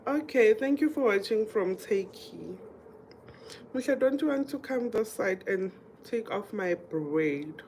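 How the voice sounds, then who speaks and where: A South African woman from Mpumalanga hosts a casual livestream, reading comments, telling anecdotes and often repeating herself to viewers. Her mid-range voice is animated, a little slow and darkish in tone, with slight background noise.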